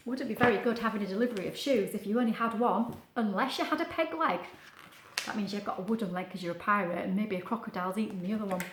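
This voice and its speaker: A woman reads a children's storybook aloud with expression, adding chatty asides, explaining words, and asking the listener questions. Her voice is a little high, and the sound is roomy with slight background noise.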